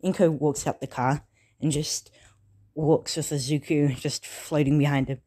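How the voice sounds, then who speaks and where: Slow, halting fan-story narrator. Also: medium pitch, fairly even intonation, dark tone. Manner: halting, many fillers and self-corrections. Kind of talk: casual spoken story retelling.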